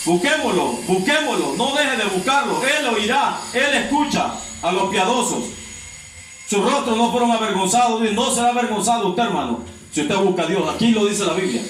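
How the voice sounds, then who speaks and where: High-voiced preacher in an echoey church. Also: male voice, animated, moderate pace, fairly bright tone. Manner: preaching with call-and-response questions to the congregation; repeats "hermano" often, exhorting. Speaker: pastor. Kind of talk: sermon. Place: church hall. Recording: echoey church from far off, faint noise.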